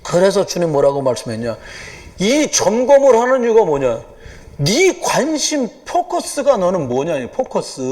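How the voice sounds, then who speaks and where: A man preaching a sermon as a pastor, moving from hushed asides to loud urging. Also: high voice. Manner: lively, swings from hushed asides to loud exhortation. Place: church sanctuary.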